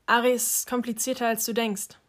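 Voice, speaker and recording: A woman's voice: a little high, little pitch movement, brisk, lightly acted. A woman reading as a grave, weary father. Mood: somber.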